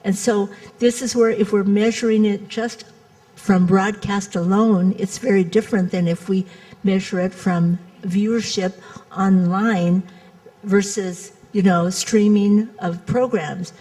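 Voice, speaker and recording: Woman panelist, mid-pitched, steady and explanatory delivery. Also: unhurried, rough recording. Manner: explanatory, methodical. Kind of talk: conference panel discussion.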